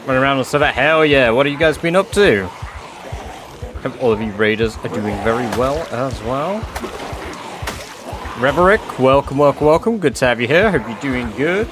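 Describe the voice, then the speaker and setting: A man's voice: mid-range voice, lively intonation, moderate pace, noisy background. A man livestreaming a game in casual, sweary chat, saying w for r. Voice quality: cannot pronounce R's, says w for r. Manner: informal, sweary.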